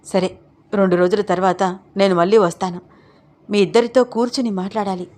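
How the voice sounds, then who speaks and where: A woman's voice: medium pitch, steady tone, a little fast, darkish tone, natural voice. A woman voicing an angry older woman who scolds and interrogates in a read-aloud audio story. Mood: stern.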